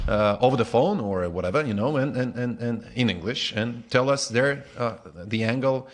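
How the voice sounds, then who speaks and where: A man's voice: medium pitch, moderate pace. Israeli-accented man, long rambling explanations. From former Soviet Union. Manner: long explanatory turns, searches for words. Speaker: co-host. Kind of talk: casual chat show.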